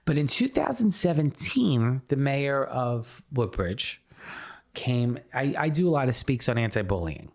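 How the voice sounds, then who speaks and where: A man as an interview guest, telling his story in a casual, animated way and often restarting his sentences. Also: mid-range voice, unhurried, vocal fry. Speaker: theater producer and playwright guest.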